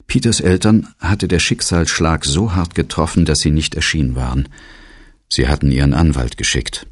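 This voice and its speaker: A man reading an audiobook novel as narrator in a measured, even storytelling manner. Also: a bass voice, no echo, clean studio sound. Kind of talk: scripted narration.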